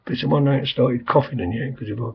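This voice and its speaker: An older man, hoarse and coughing, rambling chattily with lots of fillers in a casual video message from a quiet room at home. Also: medium pitch, fast, a little hiss or hum. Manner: rambling, chatty, frequent "I mean" and "um". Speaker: vlogger. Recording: dull lo-fi home recording.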